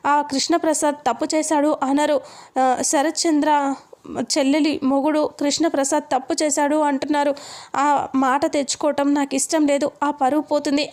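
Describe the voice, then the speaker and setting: Woman doing proud schemer, high voice, flat melody. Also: lightly acted. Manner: retold plainly in the narrator's own voice.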